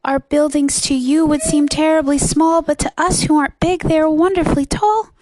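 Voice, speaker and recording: A woman's voice: high-pitched, steady tone, normal speed, a little mellow, no echo, voice pushed up, natural voice. A woman voicing a tiny, courteous, grateful storybook mayor, with a small piping voice that calls out emphatically. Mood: proud, earnest. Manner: emphatic, calling out.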